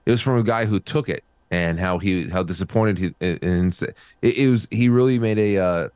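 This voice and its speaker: A man hosting a casual chat, rambling with halting restarts. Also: sits low, darkish tone, clear, resonant tone, dry recording. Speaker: host.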